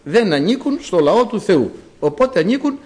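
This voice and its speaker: A man preaching a sermon as a priest, with dramatic rises and drawn-out words. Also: sits high, sing-song, darkish tone.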